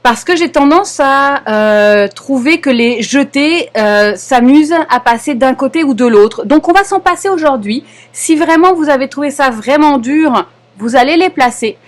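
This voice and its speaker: French-accented woman teaching knitting, high voice. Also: lively intonation, measured pace. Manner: patient, explanatory, frequent hesitations and checks "d'accord?". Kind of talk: live online knitting lesson.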